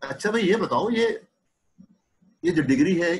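A man's voice: high-pitched, animated, voice pushed up. A man playing a blunt, skeptical male visitor at a clinic who doubts that the young doctor is a real doctor. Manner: blunt, skeptical, talks fast.

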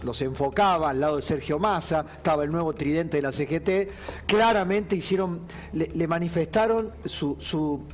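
Halting TV panelist. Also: male voice, on the high side. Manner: halting, restarts words. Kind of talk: studio panel discussion. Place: TV news studio.

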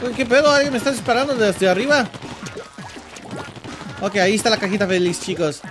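A man with a Mexican accent hosting let's play commentary, joking and teasing himself with playful shouts. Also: high-pitched, fairly quick. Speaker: gaming channel host. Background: game music.

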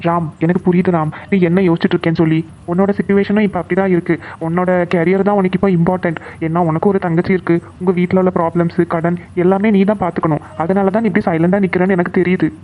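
A man's voice: high voice, level tone, racing, lightly acted. A man voicing a firm, protective young friend, lecturing his friends. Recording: tinny phone-like recording.

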